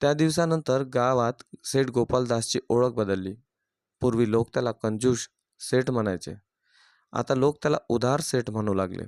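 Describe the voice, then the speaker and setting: A man narrating a moral story in a steady, plain read-aloud manner. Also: mid-range voice, moderate pace, no room sound, clean studio sound.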